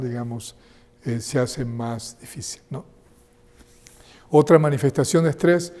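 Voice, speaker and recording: A man presenting a health seminar in a conversational way, often checking in with the audience through quick tag questions. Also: mid-range voice, warm tone. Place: seminar room. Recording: long hall reverb.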